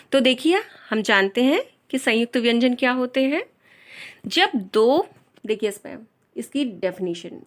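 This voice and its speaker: A woman teaching a language lesson, patiently explaining and repeating each pronunciation. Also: on the high side.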